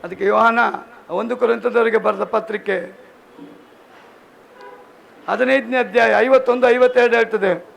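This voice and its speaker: A man's voice: very high-pitched, steady tone, normal speed, creaky, long pauses, low-quality recording. A man preaching a sermon at a church service, fervent and repeating scripture lines with emphasis, breaking into joking asides. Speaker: pastor.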